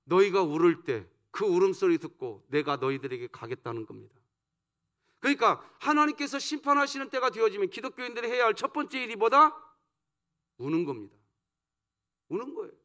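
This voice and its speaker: High-voiced preaching man. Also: big pitch swings, fairly quick. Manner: rhetorical questions put to the congregation; swings between loud emphasis and soft low asides. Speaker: pastor. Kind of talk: dawn service sermon. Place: church sanctuary.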